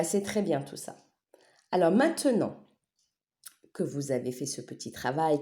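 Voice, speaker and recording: A woman teaches a phonics lesson to young children at a deliberately slow pace, exaggerating every vowel. Her voice is mellow and rather low, but it rises and falls a great deal. She pauses often to check that everyone is following. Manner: slow, exaggerated syllables with a wide smile; patient, checks understanding often.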